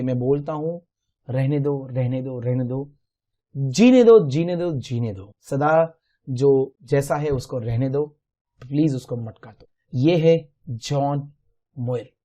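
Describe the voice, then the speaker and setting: A male teacher explaining a textbook lesson to children, reading English lines slowly and then explaining them in Hindi with lively exclamations. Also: fairly high pitch.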